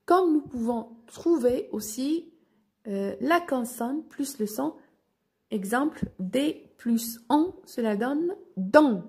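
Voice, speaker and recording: A woman teacher with a North African French accent, giving a slow phonics lesson for children and carefully spelling out each syllable. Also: high voice, expressive, dark tone, slightly rough.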